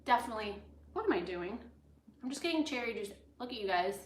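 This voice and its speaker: A woman with a fairly high voice talks quickly with lively intonation. She's a chef from the United States, raised in Los Angeles, hosting a cooking livestream where she rambles casually and goes off on asides mid-work, her voice echoing around the indoor room.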